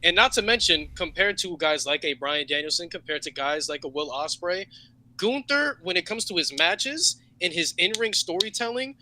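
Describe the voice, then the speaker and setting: A man's voice: high voice, expressive, moderate pace, sharp tone, a little hiss or hum, poor audio. Brash, swearing podcast co-host man. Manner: brash, joking, swears freely, laughs often. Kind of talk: casual chat.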